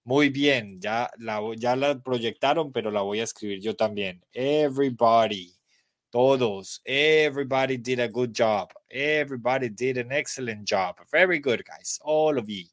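Colombian male teacher, middle-aged, unhurried, calls out students' names and praises them. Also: mid-range voice, dry recording. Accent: Colombian Spanish. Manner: spells letters aloud, praises students by name. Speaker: English teacher. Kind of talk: live online class.

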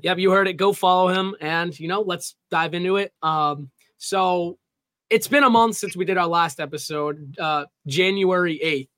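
A man's voice: sits high, moderate pace, fairly bright tone, no room sound. A man co-hosting a casual sports podcast, talking loosely with many fillers and light jokes. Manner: loose, filler-heavy, jokey. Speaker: podcast co-host.

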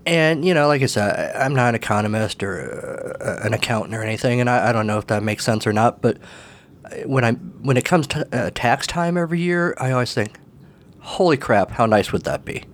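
A man with a cold, husky in voice, hosting a solo podcast from his table at home in a rambling, wry way. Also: mid-range voice, a little fast, a little hiss or hum. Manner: rambling, wry, self-deprecating. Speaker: podcast host. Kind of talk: casual solo podcast monologue.

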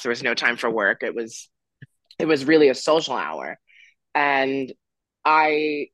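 A man's voice: medium pitch, fairly bright tone, dry recording. A man in his twenties who grew up in Florida, a podcast guest telling his story in a candid, rambling way with stops and restarts. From Florida, USA. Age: 20s. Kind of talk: casual interview storytelling.

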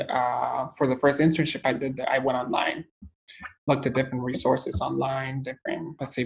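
A young man from Guatemala tells his story as an interview guest, calm and methodical. His pitch barely moves, so the delivery sounds even and level. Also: creaky, low-quality recording. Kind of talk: casual interview answers.

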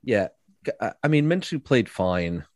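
Producer on a sports podcast, man, low voice with lively swings, sarcastic asides. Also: normal speed, crowd noise. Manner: sarcastic, wry. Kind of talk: casual sports podcast chat.

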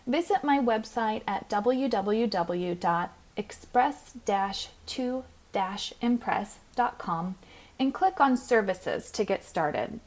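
A woman hosting a podcast lesson, speaking in a clear, measured teaching manner as a pronunciation coach. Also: mid-range voice, a little mellow. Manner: clear, measured teaching delivery, slows to spell out words.

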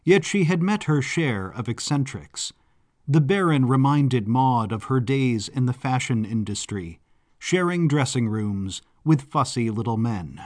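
A man giving a scripted audiobook narration in a measured, expressive storytelling manner. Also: medium pitch. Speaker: narrator and author.

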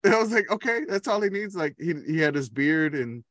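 Brief: enthusiastic male podcast co-host, higher voice, dry recording. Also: expressive, fairly quick, a bit bright, no echo. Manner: enthusiastic, laughs often, rambling restarts. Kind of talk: casual sports chat.

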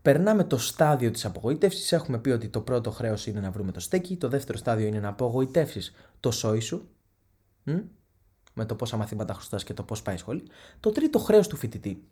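A young man hosting a podcast, telling profane, animated comic stories and mimicking his relatives. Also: medium pitch, slightly rough. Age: young adult. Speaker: podcast host. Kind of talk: comedic storytelling monologue.

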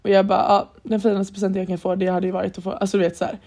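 A woman's voice: mid-range voice, level tone, dark tone. A young woman from Sweden co-hosting a podcast, telling a story in casual chat and acting out the lines she quotes. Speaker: podcast co-host.

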